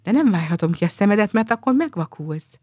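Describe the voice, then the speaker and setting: A woman voicing a little kind-hearted swallow who longs for the warm south, in a gentle storybook telling. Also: mid-range voice, expressive, no echo, clean studio sound, pitched above the performer's own voice, close to an everyday voice. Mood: tender.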